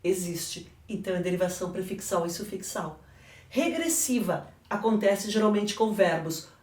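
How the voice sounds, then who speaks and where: A woman's voice: mid-range voice, moderate pace, darkish tone, far from the mic. Brazilian woman teaching in an echoey room. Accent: Brazilian Portuguese. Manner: didactic, asks and answers her own questions. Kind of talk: exam correction lesson.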